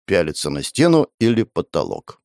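A man's voice: low voice, huge pitch swings, normal speed, vocal fry, a little mellow, dry recording. A man narrating an audiobook in the first person, with a dry, grumbling, wry delivery.

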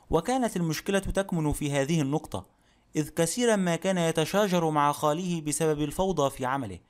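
A man's voice: a little high, natural voice. A man voicing a stubborn elderly lady. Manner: firm, self-assured speech. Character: elderly widowed aunt, stubborn. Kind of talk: audiobook character reading.

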